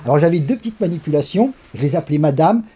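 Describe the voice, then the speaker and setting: A man from France, a guest in a conversational interview, telling animated stories with lively asides. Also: a little high, quick pace, breathy edge.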